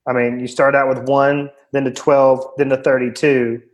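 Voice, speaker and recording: A man's voice: mid-range voice, level tone, moderate pace, dull audio. A man hosting a podcast interview, asking curious follow-up questions and giving short encouraging reactions. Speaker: podcast host.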